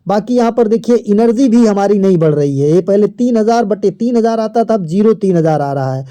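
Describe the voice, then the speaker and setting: A host talks through an app tutorial over a screen recording. The voice sits at a middle pitch with a mellow, unforced tone. The delivery is steady and methodical, explaining each step and pointing things out as they appear. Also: fairly quick.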